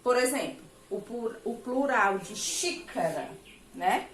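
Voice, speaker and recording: A woman's voice: fairly high pitch, expressive, takes it slowly, a bit bright. Brazilian woman teaching in an echoey room. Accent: Brazilian Portuguese. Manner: affectionate, checks in with "tá certo?" often. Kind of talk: remote class lesson for children. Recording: echoey room, faint background noise.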